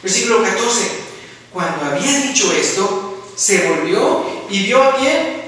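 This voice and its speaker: A man's voice: sits high, lively intonation, measured pace, fairly bright tone, recorded from a distance. A man preaching a sermon in a church, reading scripture and asking his congregation questions in a conversational way. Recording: echoey church hall, mic from afar.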